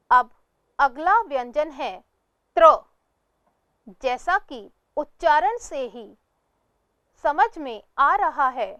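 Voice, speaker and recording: A woman with a high voice teaches at a very slow, deliberate pace. She sounds out each syllable on its own, then asks her pupils questions and answers them herself. The recording is dry and close, with no room echo. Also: fairly bright tone. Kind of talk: slow scripted lesson narration.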